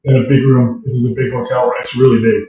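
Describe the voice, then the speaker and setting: A man's voice: medium pitch, flat delivery, quick pace, mellow. A laid-back, joking man chatting casually as a remote guest, heard with a big hall echo through a laptop mic in a large hotel room. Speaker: guest joining a live show remotely. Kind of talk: casual chat. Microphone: laptop mic far from the speaker. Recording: roomy, distant, dull laptop audio.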